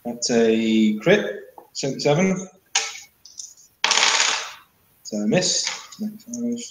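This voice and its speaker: Echoey male game master, halting delivery. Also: mid-range voice, sing-song, gravelly, heavy background noise. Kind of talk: casual tabletop game narration.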